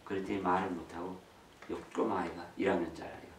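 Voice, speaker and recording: A middle-aged man giving a church talk on raising children, telling lively stories, acting out quotes and mixing in English phrases. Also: low voice, fast, a crowd in the background. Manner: lively storytelling, acts out quotes. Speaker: speaker on parenting. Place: church hall. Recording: roomy echo from far mic, faint ambience.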